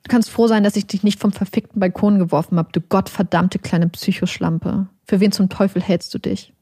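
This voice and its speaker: A woman's voice: mid-range voice, steady tone, normal speed, mellow, breathy edge, no room sound, clean studio sound. A woman reading the lines of a coldly menacing man. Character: aggressive, controlled, menacing man.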